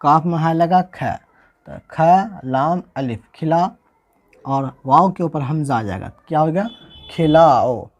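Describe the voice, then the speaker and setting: A man teaching Urdu handwriting, spelling each word slowly and repeating it, often asking how the letters are joined. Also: on the high side, lively intonation, muffled recording. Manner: slow, patient, repeats each word and asks "how will we join this?". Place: indoors, recording a tutorial without a camera.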